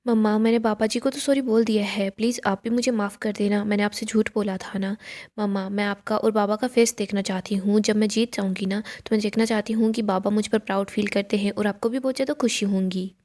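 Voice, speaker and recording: A woman's voice: medium pitch, steady tone, fairly quick, a little mellow, lightly acted. A woman voicing a young daughter, an earnest and determined girl, in a pleading, earnest way.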